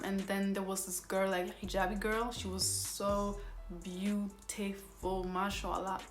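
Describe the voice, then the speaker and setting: Young woman vlogging a storytime, says like constantly, echoey room, faint music under her. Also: mid-range voice. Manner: animated, heavy use of "like", voice rising when angry. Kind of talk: storytime vlog.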